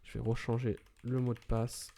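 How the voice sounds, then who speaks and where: Mellow-voiced man explaining commands. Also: mid-range voice, monotone, normal speed, creaky, slight background noise. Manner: talks through commands step by step, with self-corrections. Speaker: tutorial presenter. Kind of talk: screen-recorded IT tutorial.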